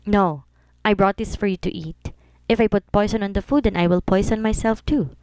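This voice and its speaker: A woman's voice: mid-range voice, normal speed, a little mellow, smooth, no room sound, close to an everyday voice. A woman doing a sulky young heiress. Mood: defensive.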